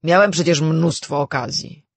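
A man reading an audiobook, voicing a firm, defiant gentleman who talks loud and clipped. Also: on the high side, normal speed, creaky, husky, no room sound. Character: cool, defiant man holding a revolver.

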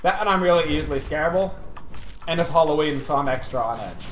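A young man with a high voice talks like a hyped gamer bro. He gives excitable, casual live commentary as he plays, recorded in an echoey room with faint noise. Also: fast. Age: young adult. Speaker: game streamer. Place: indoor home streaming setup. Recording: roomy echo, faint background noise.

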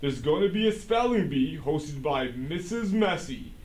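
A man acts out a theatrical school principal making a scripted announcement. He booms like a prize announcer, high-pitched and unhurried, in an echoey recording. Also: animated, a little mellow. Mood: grand, commanding.

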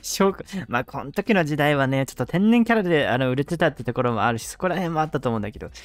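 A man's voice: on the high side, expressive, very fast. A man hosting a casual reaction commentary, explaining English phrases with enthusiastic praise. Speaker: host explaining English in song lyrics.

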